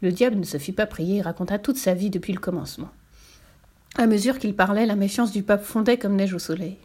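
A woman narrating a children's tale in a measured, expressive reading voice. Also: mid-range voice. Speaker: storyteller.

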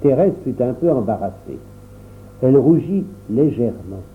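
A man narrates a children's story in a measured, storytelling way. His pitch is animated and varied. The sound is thin and phone-like. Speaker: audiobook narrator. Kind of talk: reading a children's novel aloud.

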